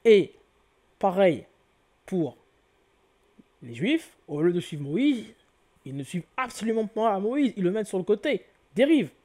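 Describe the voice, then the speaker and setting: A man's voice: high voice, sing-song, unhurried, pauses often, darkish tone. Didactic man spelling out word roots. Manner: didactic, spells out letters, corrects himself often. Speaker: lecturer on word origins. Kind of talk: explanatory lecture to viewers.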